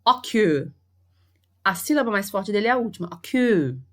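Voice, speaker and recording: A woman's voice: medium pitch, racing, a bit bright. A woman English teacher, a Portuguese speaker, explaining a grammar lesson patiently and going over each point again. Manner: patient, repeats and spells out points.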